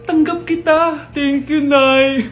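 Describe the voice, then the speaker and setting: A woman's voice: sits high, steady tone, slow pace. A woman acting as daughter and friend in short comedy skits, with exaggerated, teasing delivery. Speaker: comedy skit performer. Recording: music faintly behind.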